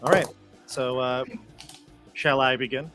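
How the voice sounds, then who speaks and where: A man's voice: mid-range voice, fairly even intonation, unhurried, fairly bright tone, soft background music. A man narrating his character's actions in a tabletop game, playful and teasing. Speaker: player.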